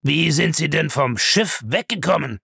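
A man's voice: on the high side, expressive, unhurried, vocal fry, bright, forceful tone, husky, dry recording, studio quality, pitched above the performer's own voice, heavily acted. A man reading a novel aloud, voicing an irascible, domineering old man who demands answers. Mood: demanding.

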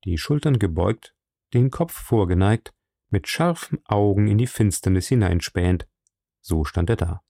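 A man narrates a story in a measured, dramatic manner. His voice sits low and carries a gravelly edge. The sound is dry and close to the mic. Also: expressive, mellow, no room sound. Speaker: audiobook narrator. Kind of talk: scripted narration.

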